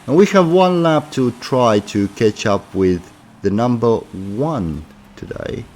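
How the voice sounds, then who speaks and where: With a sore throat from a cold, a man casually narrates his racing game while he plays, thinking aloud and using many fillers. He speaks slowly yet animatedly, in a medium-pitched voice with a darkish tone.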